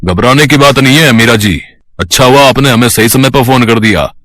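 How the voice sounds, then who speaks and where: A firm, reassuring male police inspector from a storybook drama, played by a man. His voice sits a bit higher and louder than the speaker's usual, recorded dry. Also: brisk, no room sound, natural voice.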